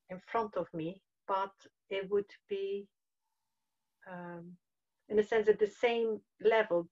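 A woman in her fifties speaks hesitantly on a video call from a small room at home, searching for words as she shares her thoughts in a casual chat as a participant. Her mid-range voice has a darkish tone, and the call audio is dull and lo-fi.

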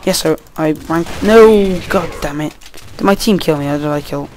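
Young guy, tired, slightly high voice; loose rambling game commentary with swearing, faint hiss on a home mic. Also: steady tone, normal speed. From Wales. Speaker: gameplay commentator. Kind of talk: casual gameplay commentary.

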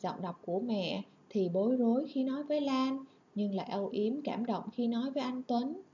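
A woman primary school teacher giving an online lesson, speaking clearly and instructively to young children. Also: on the high side, moderate pace, warm tone, dull audio, slight background noise.

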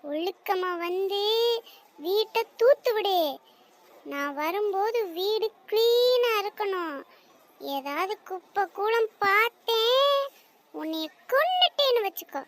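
A woman's voice: very high-pitched, animated, a bit bright, exaggerated voice. Woman doing a stern cartoon mom. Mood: scolding. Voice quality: stern, drawn-out scolding. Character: strict scolding mother of two girls. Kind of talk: cartoon voice acting.

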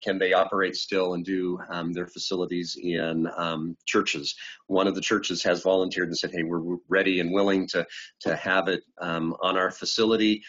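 City manager type, low and a bit raspy, halting delivery, muffled call audio. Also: male voice, flat delivery, fairly bright tone. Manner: halting, many ums and restarts. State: getting over an illness. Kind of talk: giving a report at a council meeting. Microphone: video call.

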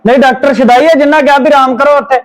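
A man's voice: very high-pitched, steady tone, fast talker. A man acting as a defiant young unmarried brother-in-law who argues with his mother in a family drama. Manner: defiant, argumentative.

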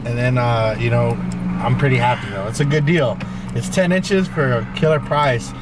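A man's voice: medium pitch, normal speed, far from the mic, noisy background. A young man chatting casually in a car at night, rambling with lots of fillers and restarts. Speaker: fish-keeping vlogger. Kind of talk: casual chat. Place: inside a parked car at night.

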